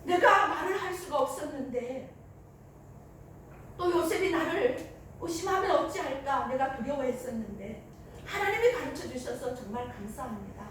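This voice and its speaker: A woman's voice: high-pitched, lively intonation, moderate pace, far from the mic, slight background noise. A woman preacher voicing Mary, a young woman giving tearful thanks in prayer, in an echoey church hall. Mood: tearful grateful.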